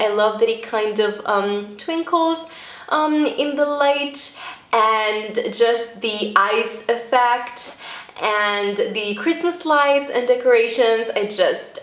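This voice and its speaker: A woman's voice: mid-range voice, fairly bright tone, reverberant. A young woman chatting enthusiastically about books on her vlog, gushing and laughing often. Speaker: booktube vlogger. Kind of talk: casual vlog chat.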